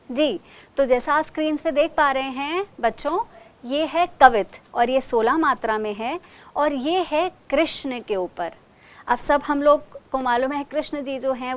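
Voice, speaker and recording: A woman teaching an online Kathak dance class, calling out counts and dance syllables, then explaining in Hindi mixed with English words. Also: high voice.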